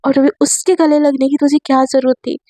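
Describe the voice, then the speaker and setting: A woman's voice: high-pitched, little pitch movement, brisk, mellow, dry recording, studio quality, natural voice. A woman voicing a jealous, possessive young woman in a spoken story, talking in a demanding, insistent way.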